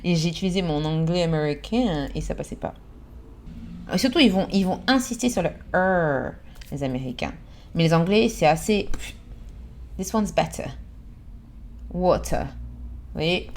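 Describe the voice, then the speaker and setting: A young woman from France talks through British slang in a relaxed vlog. She is chatty and lively, breaks into quick English examples, and laughs at her own slips. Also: lowish voice, a little hiss or hum. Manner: chatty, animated, acts out short English examples and laughs at herself. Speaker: vlogger teaching British English expressions. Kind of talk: casual explanatory vlog.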